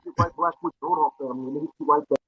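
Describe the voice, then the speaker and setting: A man's voice: a little high, fairly even intonation, very fast, husky. A man on an online group call whose garbled connection makes him sound underwater, hurriedly checking whether he can be heard. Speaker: call-in participant. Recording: muffled lo-fi online call audio.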